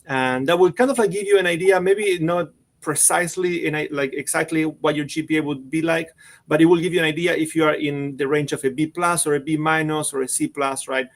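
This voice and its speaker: A man's voice: on the high side, fairly even intonation, fairly quick. A man on staff at a university, explaining things casually in an online info session, with a lot of "you know" and "like".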